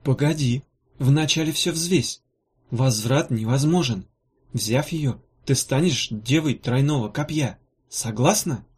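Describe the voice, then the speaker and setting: A man reading an audiobook voices a fussy, practical female valkyrie healer with a brisk, blunt manner. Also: medium pitch, a little mellow, husky. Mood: matter-of-fact. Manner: brisk, blunt, a little embarrassed.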